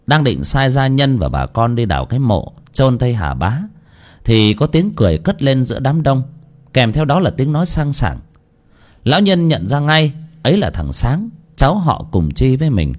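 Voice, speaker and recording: A man's voice: mid-range voice, very animated, normal speed. A man narrating a horror story with dramatic, varied storytelling.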